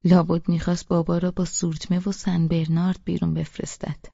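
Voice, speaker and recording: A woman reading a novel aloud in first person, in a hushed, half-whispered voice. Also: fairly low pitch, flat delivery, vocal fry, dry recording, highs cut off. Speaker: audiobook narrator.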